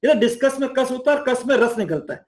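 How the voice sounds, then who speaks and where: Man, very high voice, eager conversational explaining. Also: animated, fast. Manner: enthusiastic, acts out teacher and student lines. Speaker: education platform mentor.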